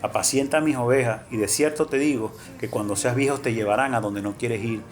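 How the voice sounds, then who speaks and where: A man voicing a gentle questioning teacher. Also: medium pitch, a little fast, pitched below the performer's own voice, close to an everyday voice. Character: calm risen teacher, adult man.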